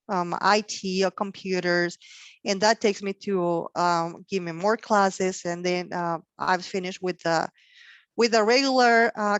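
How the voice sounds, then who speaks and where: This woman, a native Spanish speaker with a Mexican accent, is giving a career talk to students as a panel speaker. Her voice is fairly low, the sound is dry with no room tone, and she speaks haltingly with many fillers and restarts.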